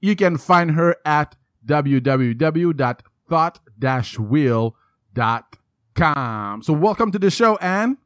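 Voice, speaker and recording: A man's voice: a little high, takes it slowly, no room sound, studio quality. Playful man hosting. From French Canada. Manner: playful, energetic, rhyming hype lines. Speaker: podcast host. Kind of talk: upbeat interview chat.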